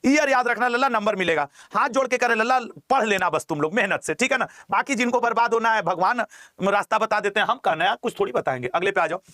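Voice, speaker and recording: Male exam coach, very high voice, dry close sound, jokey lecturing, repeats key terms. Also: fast talker, bright, forceful tone, no echo. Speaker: teacher.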